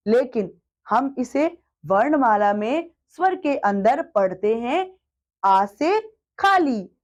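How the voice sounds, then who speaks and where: A woman teaching the Hindi alphabet to children, patiently sounding out each letter and asking the class questions that she then answers herself. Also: on the high side.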